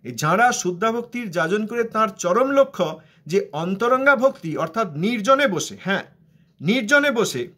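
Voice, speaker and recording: A religious teacher with a Bengali accent gives a devotional discourse, explaining scripture and posing rhetorical questions. His voice is high-pitched and a bit bright.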